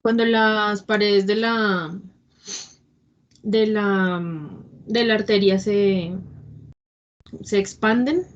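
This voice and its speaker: A woman's voice: mid-range voice, steady tone, extremely slow, pauses often. A female student answering a teacher's question in an online class, hesitant and repeating words as she searches for them. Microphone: distant mic in a video call. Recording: distant, dull lo-fi meeting recording.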